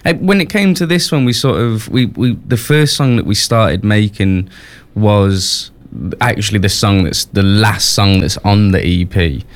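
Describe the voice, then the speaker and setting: A man's voice: fairly low pitch, a little slow, few pauses. A young Welsh man from West Wales, a musician guest on a radio show, talking casually with many restarts and fillers.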